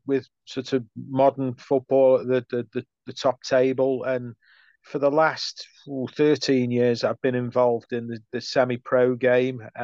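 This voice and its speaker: A middle-aged man with a Stoke accent chatting casually as an interview guest, speaking haltingly and repeating words, on slightly dull audio. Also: mid-range voice, darkish tone, dry recording. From Stoke, England. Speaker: podcast guest, football writer.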